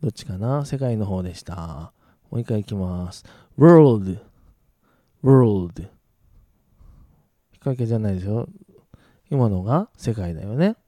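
Man, english teacher, very dark mellow voice, dry close sound, brisk casual lesson. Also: fairly low pitch, expressive, dry recording. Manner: brisk teacherly, slows right down to model English words clearly; casual rough-edged male speech, playful asides. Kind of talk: recorded English pronunciation lesson.

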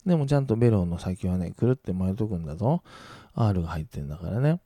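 A man teaching an English pronunciation lesson, brisk and casual, with playful asides. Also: sits low, lively intonation, dark tone, no room sound, clean studio sound. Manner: brisk teacherly, slows right down to model English words clearly; casual rough-edged male speech, playful asides.

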